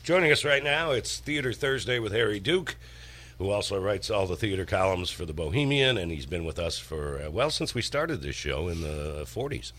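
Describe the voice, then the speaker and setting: Smooth low-voiced radio host man. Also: sing-song, normal speed, fairly bright tone. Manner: jokey, laughs easily between plugs. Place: radio studio. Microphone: studio microphone.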